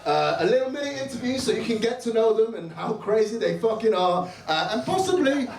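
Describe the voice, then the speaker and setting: A man's voice: high-pitched, sing-song, a little fast, a little mellow. A brash young man who grew up in Saudi Arabia, hosting a comedy club night, doing crowd work with lots of swearing and laughing at his own jokes. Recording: roomy club sound from far off, crowd noise. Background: audience laughing and cheering.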